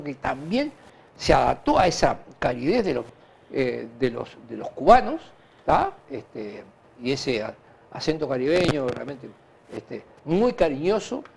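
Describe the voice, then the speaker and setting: A man with a Uruguayan Spanish accent answering conversationally in an interview, halting and repeating himself as he recounts anecdotes. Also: fairly high pitch, vocal fry, a little hiss or hum. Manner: animated, halting and repetitive, with frequent filler tags. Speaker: interview guest, hospital director.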